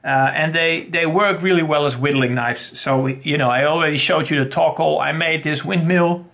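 Speaking at a moderate pace, this channel host's fairly high, gravelly voice carries a fairly bright tone. The middle-aged man reviews pocket knives casually from his bookshelf-lined home study, filming on a desk webcam and talking loosely with many fillers and restarts.

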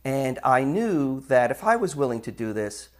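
Brief: reflective hobbyist man, mid pitch, documentary storytelling. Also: big pitch swings, normal speed. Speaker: metal detecting hobbyist. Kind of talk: documentary interview.

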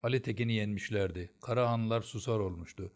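A man reading a historical novel aloud as narrator, in a measured storytelling way. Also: lowish voice. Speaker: audiobook narrator.

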